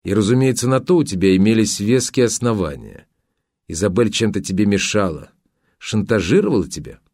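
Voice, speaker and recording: A blunt, determined young journalist, as a male reader plays him, firm and contemptuous as he presses for answers. His voice sits low, recorded dry and close. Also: animated, fairly quick, darkish tone, no echo. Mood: pressing. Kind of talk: audiobook character voice.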